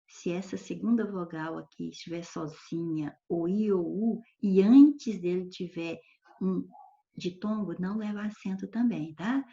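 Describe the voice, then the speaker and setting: A woman's voice: on the low side, warm tone, highs cut off. A woman teaching a grammar lesson patiently, often checking in with her students. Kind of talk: recorded online lesson.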